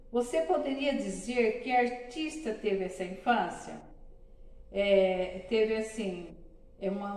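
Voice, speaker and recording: A woman's voice: medium pitch, darkish tone, echoey room, recorded from a distance, rough recording. A woman from Brazil teaching a primary school class, explaining patiently and repeating examples syllable by syllable. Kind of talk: classroom lesson.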